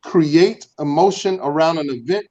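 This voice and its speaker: Male panelist, earnest and halting, slightly high voice, dull video-call sound. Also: dark tone. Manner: earnest, pausing with fillers and restarts. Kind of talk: virtual panel discussion.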